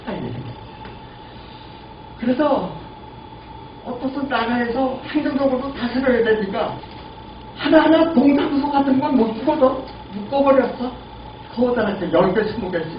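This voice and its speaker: Old guy in his 80s lecturing, lively up-and-down voice, mic far off, lo-fi and noisy. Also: very high voice, moderate pace, long pauses. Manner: lively, asks the audience questions. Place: lecture room. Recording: lo-fi, echoey, distant, noisy.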